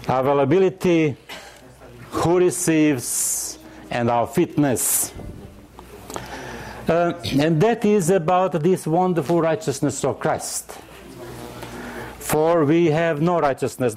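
An older man from Yugoslavia delivers a sermon with an earnest, searching manner. His voice sits a little high for a man. He climbs even higher and presses harder when he quotes scripture. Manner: earnest, searching for words with restarts and rising emphasis on scripture. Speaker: preacher.

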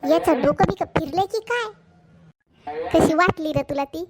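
A woman's voice: very high-pitched, expressive, very noisy. A woman voicing a cheeky, gossipy schoolboy in a cartoon, speaking an in a teasing way. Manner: teasing, nosy, fast banter. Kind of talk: cartoon voice acting.

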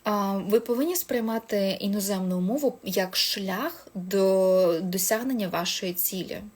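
A woman's voice: medium pitch, unhurried. A woman English teacher giving casual advice on speaking a foreign language, chatty, with many hesitations and self-corrections.

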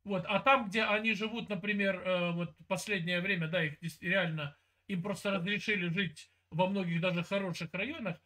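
This Siberian man in his fifties has a high, sharp voice with fairly even intonation and a normal pace. As a chat roulette streamer on a webcam call from home, he lectures insistently and talks over the other party during a heated argument.

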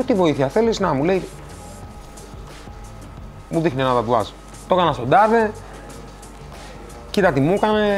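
A man from Greece, a tattoo artist, telling stories in a casual interview and acting out the dialogue. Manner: animated, acts out dialogue, rises in pitch when quoting.

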